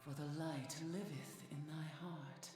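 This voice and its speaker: Unearthly, echoing crystal goddess Hydaelyn. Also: female voice, sits low, steady tone. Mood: solemn, beseeching. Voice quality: ethereal, disembodied, unearthly. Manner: slow, solemn, archaic delivery. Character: unearthly female crystal deity, solemn and benevolent. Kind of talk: scripted video game dialogue. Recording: echoing voice over game music. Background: game music.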